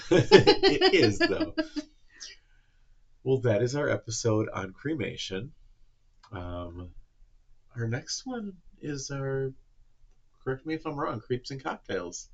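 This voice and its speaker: A man's voice: mid-range voice, expressive, unhurried, pauses often, muffled recording. A man co-hosting a podcast in casual chat, easygoing with dry humor. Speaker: podcast co-host.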